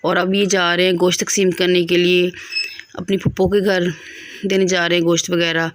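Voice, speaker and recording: A hoarse young woman, a mother, chatting affectionately to the camera in a casual home vlog. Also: on the low side, flat delivery, moderate pace, slight background noise. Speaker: mother vlogger. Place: family home indoors.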